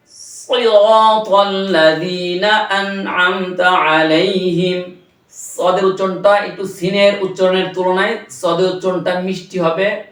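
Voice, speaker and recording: A man teaching Quran recitation, patiently explaining pronunciation and then demonstrating it in slow, drawn-out chanting. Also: on the high side, reverberant, far from the mic.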